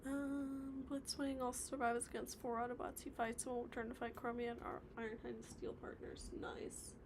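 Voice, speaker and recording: While animating stop-motion on her home workspace floor, a woman livestreams, reads viewer comments and rambles with mumbled asides in a casual chat. Her voice is fairly high with little pitch movement, at a moderate pace. The background is noisy.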